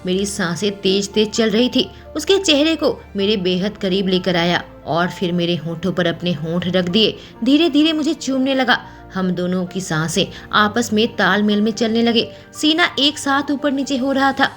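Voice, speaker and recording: A woman's voice: mid-range voice, moderate pace, few pauses. A woman narrating a first-person story in an emotional, intimate way. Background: soft background music.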